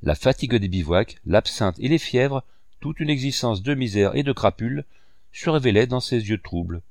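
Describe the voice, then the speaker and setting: A man narrating an audiobook of a classic novel in a measured, expressive reading voice on a close mic. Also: mid-range voice, no room sound.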